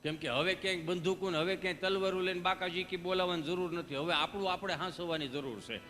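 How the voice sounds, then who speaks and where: A man's voice: high-pitched, fast. A male folk comedian with a Kathiawadi Gujarati accent, telling stories on stage and acting out every part of the dialogue. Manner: animated, acts out dialogue in different voices. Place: stage before a live audience. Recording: reverberant hall with faint music.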